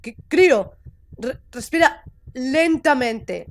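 A woman voicing a huge gruff male wolf in a game, speaking softly and soothingly. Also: animated, unhurried, full character voice. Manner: soft, low, soothing.

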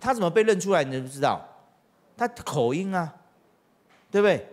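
A man's voice: fairly high pitch, sing-song, a little fast. A middle-aged man preaching a sermon as pastor, telling stories with acted-out quotes and rhetorical questions. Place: church.

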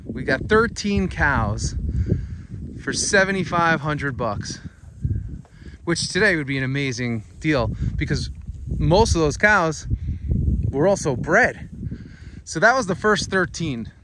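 A man's voice: a little high, animated, takes it slowly, noisy background. A man telling a casual story on a walk-and-talk farm vlog, rambling with many fillers as he walks through a pasture. He is recorded on a handheld phone out in the open. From United States. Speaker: farmer and channel host. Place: outdoors in a farm pasture with cattle.

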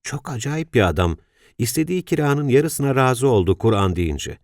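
A man's voice: medium pitch, sing-song, moderate pace, a little mellow, dry recording, studio quality, pitched above the performer's own voice. A man voicing a worried older father, a retired civil servant, who talks in an anxious, earnest way with sighs.

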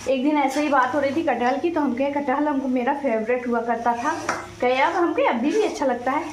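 A woman's voice: high-pitched, brisk. A woman in her thirties chatting away in a rambling, motherly way while cooking, filmed on a phone at arm's length in a small home kitchen. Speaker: vlogger. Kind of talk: casual cooking vlog chat. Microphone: phone camera at arm's length. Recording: echoey kitchen, faint frying noise.

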